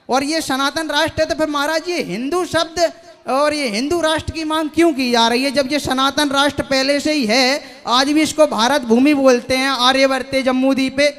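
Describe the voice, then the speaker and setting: A man's voice: very high-pitched, bright, forceful tone. A young man in an audience, asking a spiritual teacher long, earnest and deferential questions. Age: young adult. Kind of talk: devotional question and answer.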